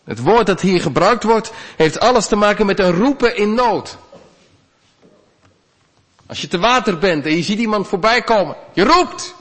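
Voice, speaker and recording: A man preaching a sermon, earnest, rising to loud pleas and dropping to quiet asides. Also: sits high, expressive, moderate pace, pauses often. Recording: long church reverb.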